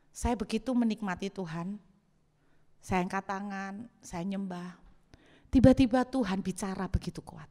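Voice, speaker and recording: A woman pastor, preaching a sermon as an animated story with acted-out dialogue. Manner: animated storytelling, acts out dialogue, laughs, bursts into high exclamations. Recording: long hall reverb.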